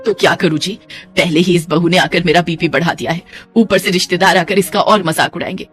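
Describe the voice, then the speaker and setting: A woman's voice: on the low side, a little fast, soft background music, pitched below the performer's own voice, close to an everyday voice. Woman doing a scolding mother-in-law. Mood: fretting. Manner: exasperated, scolding, dramatic laments. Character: fussy traditional middle-aged mother-in-law.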